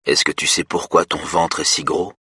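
A man with a husky voice, playing a calm, self-assured hypnotist who speaks low and soothingly. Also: moderate pace, no echo, studio quality, exaggerated voice.

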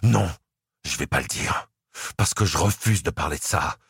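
A man's voice: moderate pace, gravelly, fairly bright tone, husky, no room sound, studio quality, heavily acted. A man voicing a stern, weary older brother. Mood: forceful. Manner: firm, controlled, low and tired. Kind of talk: audiobook character voice.

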